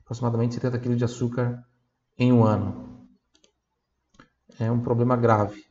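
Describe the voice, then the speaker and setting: A man teaching Italian pronunciation, patiently explaining and slowly repeating phrases for learners to echo. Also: medium pitch, flat delivery, dark tone, dull audio. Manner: slow, drilling repetition of phrases. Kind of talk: online language lesson.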